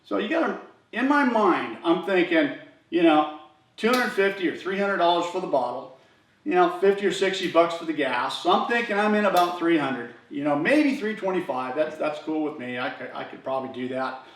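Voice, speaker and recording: A man's voice: fairly high pitch, expressive, moderate pace. A man hosting his garage channel, casually telling a story to camera and acting out the other people's lines in quoted voices. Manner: chatty, acts out dialogue in quoted voices. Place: garage workshop. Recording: echoey room, from a distance.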